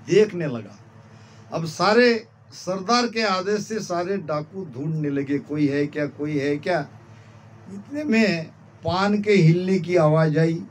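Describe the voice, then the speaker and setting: A man preaching at a satsang, slowly narrating a moral story and repeating phrases for emphasis. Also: fairly high pitch, a little hiss or hum. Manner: slow, repetitive story narration.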